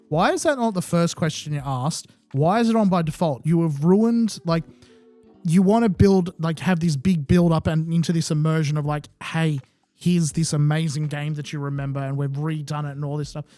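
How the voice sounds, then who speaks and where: Male podcast co-host, slightly high voice, chatty and fed up, faint music behind. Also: moderate pace, warm tone. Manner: exasperated, chatty, swears. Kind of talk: casual gaming chat.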